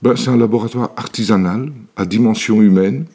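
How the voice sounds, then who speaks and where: Speaking fairly quickly with a warm, lowish voice, this elixir maker from Italy, a man in his seventies, recounts his life as an interview guest in his workshop. It's relaxed personal storytelling, though he hesitates often and keeps restarting amid many fillers.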